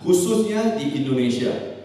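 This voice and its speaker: A man's voice: high-pitched, expressive, measured pace, mellow. A man with a Malaysian accent gives a seminar talk, moving between Malay, Indonesian and English and dropping "ya" after his points. He sounds set back from the microphone. The hall around him rings with a long, heavy echo. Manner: mixes Malay, Indonesian and English, frequent "ya" tags. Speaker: seminar speaker. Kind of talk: conference presentation. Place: large hall. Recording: echoey hall from far off.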